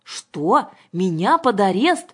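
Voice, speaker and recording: A woman voicing a prim, defiant young governess who answers back with pedantic, indignant corrections, in a breathy voice. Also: mid-range voice, animated, normal speed, voice pushed up, close to an everyday voice. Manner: indignant, pedantic, sharp retorts.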